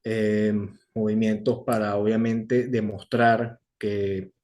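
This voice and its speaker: A man in his twenties with a Venezuelan accent, a young activist answering interview questions in a measured, formal way with frequent "eh" fillers. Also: fairly low pitch, flat delivery, a little mellow. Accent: Venezuelan Spanish. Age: 20s. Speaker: guest, young political activist.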